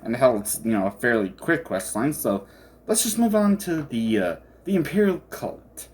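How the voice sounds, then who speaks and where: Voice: mid-range voice, sing-song, normal speed. A game commentator chatting casually and hesitantly about a game, rambling and often trailing off mid-thought.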